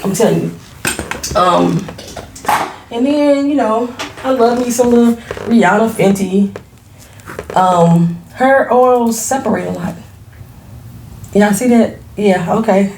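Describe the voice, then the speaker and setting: Chatty gravelly-voiced woman in her forties. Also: mid-range voice, a little mellow, roomy sound, slight background noise. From Florida. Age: 40s. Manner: chatty, laughing, frank, slangy. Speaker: small business owner vlogging. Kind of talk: casual chat to camera. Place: her home, products on shelves behind.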